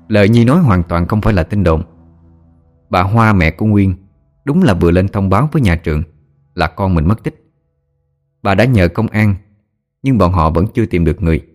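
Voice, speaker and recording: A man narrating a scripted audio story in a steady storytelling manner. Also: low-pitched.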